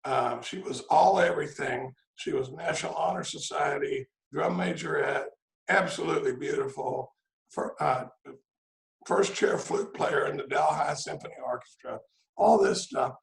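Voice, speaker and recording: At normal speed, his gravelly voice sitting on the high side, the man recounts his recovery journey as an AA speaker. He's in his sixties, from Dallas, Texas, and talks from a reverberant home room over video, joking and meandering with frequent "you know" and "I mean."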